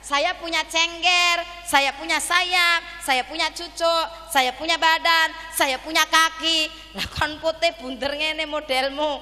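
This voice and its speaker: A woman's voice: very high-pitched, steady tone, measured pace, few pauses, sharp tone, in a large hall, pitched above the performer's own voice, heavily acted. A woman voicing a fussy mother hen who complains shrilly and indignantly. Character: fussy mother hen scolding her odd egg.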